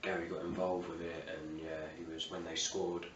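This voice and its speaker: A man's voice: low-pitched, little pitch movement, normal speed, highs cut off. A man with a south-east English accent giving a colloquial, matey post-match interview as a football manager, peppered with "you know". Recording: roomy, distant mic, faint ambient noise.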